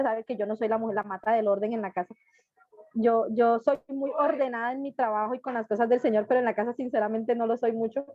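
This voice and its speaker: Middle-aged woman, high voice, heartfelt testimony in a dry, dull video call. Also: no room sound. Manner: emotional, repetitive storytelling. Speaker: tutor giving a testimony. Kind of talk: personal testimony in an online class.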